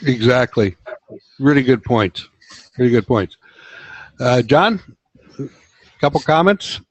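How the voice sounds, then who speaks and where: A man's voice: mid-range voice, animated, takes it slowly, dry recording. A man hosting a casual online business meeting, upbeat and encouraging, speaking over a call. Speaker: webinar host. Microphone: video call. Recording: dull lo-fi call audio.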